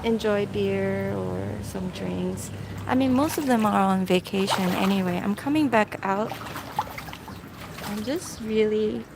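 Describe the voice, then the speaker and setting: A woman's voice: mid-range voice, unhurried, vocal fry. A woman chatting casually to viewers as a vlogger, thinking aloud, recorded on a handheld phone by a swimming pool. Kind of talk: casual live chat to viewers. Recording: noisy poolside ambience on phone mic.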